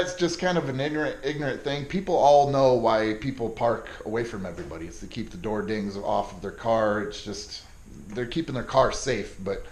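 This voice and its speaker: A man chatting casually to his viewers in a rambling, profane way, easily irritated. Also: mid-range voice. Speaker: car vlogger. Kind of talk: casual vlog chat. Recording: echoey room.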